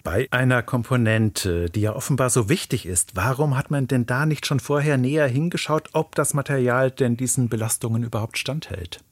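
A man presenting the radio news and putting measured, probing questions to a correspondent. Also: medium pitch, no echo, studio quality.

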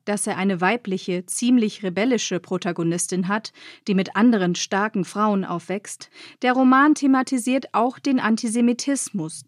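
A woman narrating a scripted radio feature on literature, measured and explanatory. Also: mid-range voice, no room sound, clean studio sound.

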